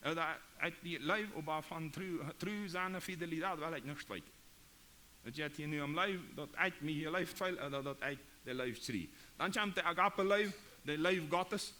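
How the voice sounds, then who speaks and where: Low German-accented man preaching, bright voice. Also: slight background noise. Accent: Mennonite Low German. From Paraguay. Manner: mixes Low German, Dutch and German in halting, repetitive phrasing. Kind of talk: sermon.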